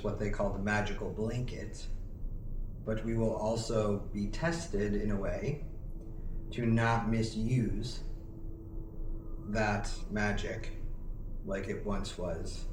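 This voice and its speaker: A man asking questions in an unscripted session, talking in halting short phrases. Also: fairly low pitch. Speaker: questioner of the channeler. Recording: roomy, slightly distant, faint noise.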